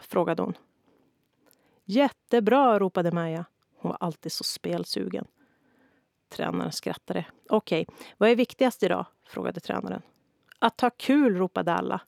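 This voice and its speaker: A woman reading a children's story aloud in a calm storytelling manner. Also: lowish voice, gravelly, no room sound, clean studio sound. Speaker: narrator.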